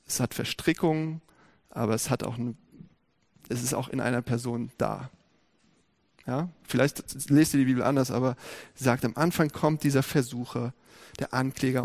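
A man preaching a sermon, speaking lively and directly to his congregation with many rhetorical questions. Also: mid-range voice, gravelly.

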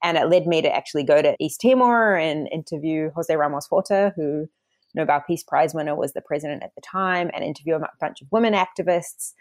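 A woman from New Zealand with a broad New Zealand accent, giving reflective, explanatory answers as an interview guest in a conversational style. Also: low voice. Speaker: interview guest, academic author.

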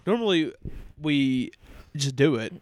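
A man's voice: medium pitch, very animated, takes it slowly, slight background noise. Hesitant male podcast co-host. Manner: hesitant, stammering restarts. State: voice strained from laughing. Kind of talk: casual chat.

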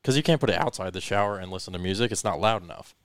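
Joking, low-voiced podcast host. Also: male voice, very fast, smooth, no room sound. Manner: joking, emphatic. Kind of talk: casual chat.

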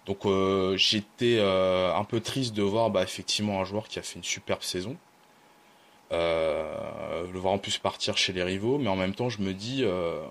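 A man's voice: deep voice, moderate pace, creaky, fairly bright tone. A man talking casually on a podcast, thoughtful and hesitant, with many fillers and restarts. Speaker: podcast guest, team fan.

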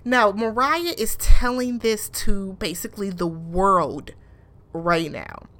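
Casting note: a woman doing a casual reality-TV recap, mid-pitched voice, outspoken and animated. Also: slow pace. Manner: animated and blunt, with frequent swearing; mimics show cast members in raised voices.

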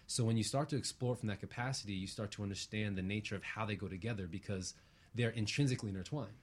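In a fast, husky, lowish voice, a man speaks as an interview guest. He is earnest and reflective, leans on abstract spiritual phrasing, and keeps checking whether the listener agrees.

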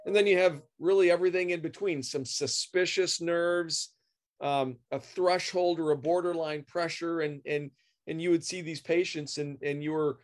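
A man's voice: fairly high pitch, fairly even intonation, normal speed. A middle-aged man answering interview questions as a guest expert, explaining at length with many fillers and repeated words. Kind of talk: professional interview.

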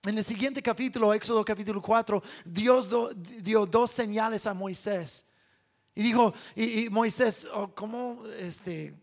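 A male preacher delivering a sermon, building to sudden loud, shouted climaxes. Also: high voice, creaky.

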